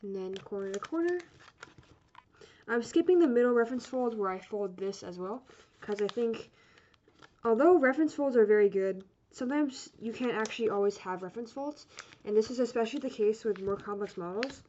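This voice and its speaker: Her voice is fairly high and a little fast as she instructs an origami course through a casual craft walkthrough. She's talkative and rambling, regularly apologizing and correcting herself. A dull lo-fi recording carries steady noise.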